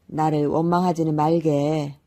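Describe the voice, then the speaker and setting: Lady doing a crafty old guy selling an ox, slow knowing talk, dark soft voice. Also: deep voice, level tone. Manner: unhurried, knowing, hawking loudly at market. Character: sly old man mask maker, calm and knowing.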